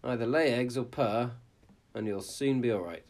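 A man's voice: medium pitch, normal speed, darkish tone, voice pushed up, close to an everyday voice. A man reading a story aloud and voicing a bossy, self-important hen who scolds and lectures. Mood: scolding. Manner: scolding, preachy.

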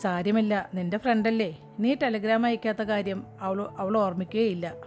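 A woman's voice: mid-range voice, normal speed, a little mellow, natural voice. A woman reading out the lines of a young married wife who keeps getting blamed for forgetting things, in a plain, pleading manner. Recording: music playing behind.

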